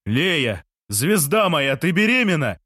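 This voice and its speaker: A man voicing Jean, an excitable, slow-witted man who shouts questions and announcements, in an audiobook. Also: mid-range voice, no echo, studio quality, close to an everyday voice. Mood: bewildered shouting.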